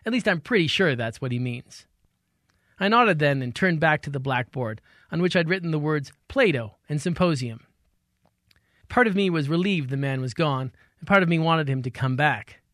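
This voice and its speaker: A man hosting a radio show and narrating a personal story in a wry, measured way. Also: fairly high pitch, fairly bright tone, no echo, studio quality.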